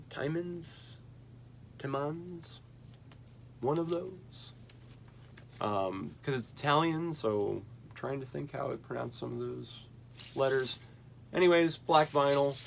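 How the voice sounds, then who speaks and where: A young man talks loosely through the records he has bought lately, enthusiastic and rambling. He reaches for fillers and restarts as he thinks aloud, with a voice of middling pitch. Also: slight background noise. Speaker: vinyl collection reviewer. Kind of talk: casual record collection chat.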